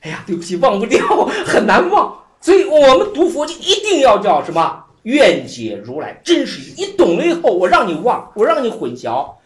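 A spirited Buddhist scripture teacher talks briskly with hardly any pauses, his middling-pitched voice rising and falling through a loose explanatory lecture. He repeats phrases and chuckles easily, and the room gives a roomy echo.

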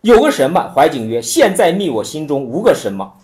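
Man teaching Buddhism, informal talk, animated storytelling, lively swinging pitch, repeats himself a lot. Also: brisk. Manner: animated storytelling with frequent repetitions and acted-out quotes.

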